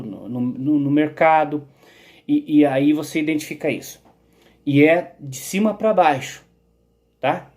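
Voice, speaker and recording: Here a man's somewhat high voice with a dark tone spins out a meandering philosophical talk on a theory of his own, digressing often, repeating words and checking in with "entendeu?".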